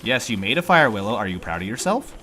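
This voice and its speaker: A man's voice: lowish voice, very animated, fast talker, noisy background. A man with a nasal voice, congested from allergies, thinking aloud and grumbling in casual gameplay commentary. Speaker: gamer commentating on own play. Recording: music behind the voice. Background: game music.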